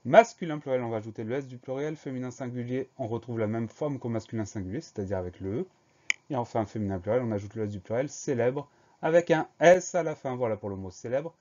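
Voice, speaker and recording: A man's voice: medium pitch, quick pace, dark tone, highs cut off. A man teaching a spelling dictation lesson, patiently spelling each word out letter by letter.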